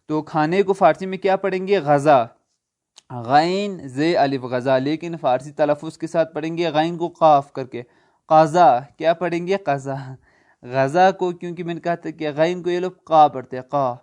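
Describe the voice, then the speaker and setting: Man slowly spelling out vocabulary. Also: fairly high pitch, a little mellow, clear, resonant tone. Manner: repetitive quiz-style questions and answers; slow spelled-out letter names. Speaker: Persian language teacher. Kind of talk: online language lesson.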